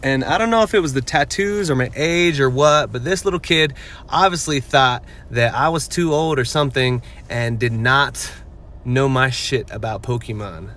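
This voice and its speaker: A man's voice: medium pitch, normal speed, fairly bright tone, a little hiss or hum. A young man telling a brash, crude comic story with lots of swagger.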